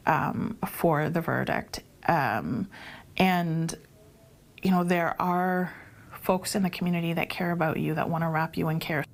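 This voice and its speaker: Woman in her forties, deep voice, earnest and caring, hesitant fillers, interview clip. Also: measured pace, gravelly. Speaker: executive director of a support centre.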